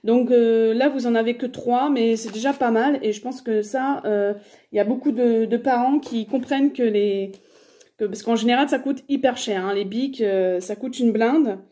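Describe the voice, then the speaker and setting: A woman in her thirties talks her viewers through a shopping haul in a chatty, halting way, often pausing on fillers. Her voice sits a little high but sounds warm and mellow rather than bright. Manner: chatty, hesitant, many fillers. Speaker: haul vlogger. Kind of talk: casual shopping haul chat.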